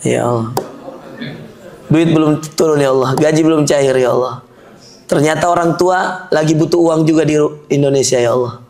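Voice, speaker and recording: A male preacher voicing a whiny man who pleads with God about money woes, in a lower, lamenting tone. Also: moderate pace, a little mellow, natural voice. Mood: whining plea.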